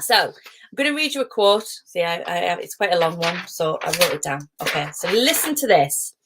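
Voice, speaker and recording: A woman's voice: lowish voice, big pitch swings, fairly quick, noisy background. A middle-aged woman, hosting a live stream as a positivity coach, chatty and digressive with frequent laughs. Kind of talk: casual live-stream talk.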